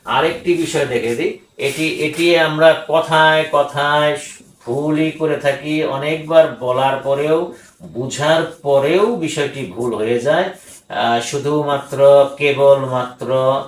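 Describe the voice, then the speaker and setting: An older man giving a grammar lesson, speaking deliberately, repeating words for emphasis and pausing with hesitations. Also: a little high. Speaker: grammar teacher. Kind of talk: grammar lecture. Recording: echoey room.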